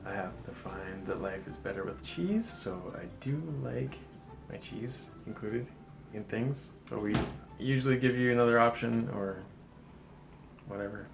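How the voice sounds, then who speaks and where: A man's voice: lowish voice, normal speed, vocal fry, music in the background. A man from Canada with a Canadian accent, co-hosting a food website in a casual, joking chat. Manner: joking, laughs a lot.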